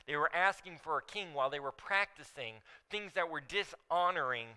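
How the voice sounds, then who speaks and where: A man's voice: fairly high pitch, normal speed, bright, forceful tone, clean tone, poor audio. A man preaching a sermon in a church, explaining scripture and leaning hard on key words. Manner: emphatic, stresses key words while teaching. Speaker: pastor. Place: church sanctuary.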